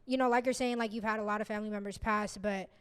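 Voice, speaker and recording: A woman's voice: medium pitch, steady tone, rapid-fire, clean tone, big-room sound. A woman hosting a podcast in casual, laid-back chat, swearing freely as she asks questions. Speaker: podcast host.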